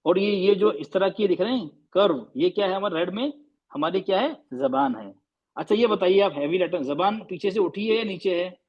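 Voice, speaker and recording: A man's voice: high voice, expressive, normal speed, highs cut off. A man teaching a class on pronouncing Arabic letters, patiently repeating and quizzing his students.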